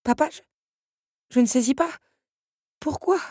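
A woman reading aloud voices a frightened young woman who pleads and protests in breathless high cries, her voice breaking. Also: a little slow, warm tone, no echo, studio quality. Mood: desperate.

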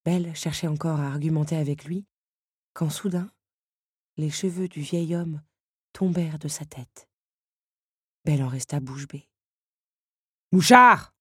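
A woman narrating a story in an expressive storytelling manner. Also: low-pitched, normal speed, long pauses, husky, no echo, studio quality. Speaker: audiobook narrator. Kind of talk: scripted narration.

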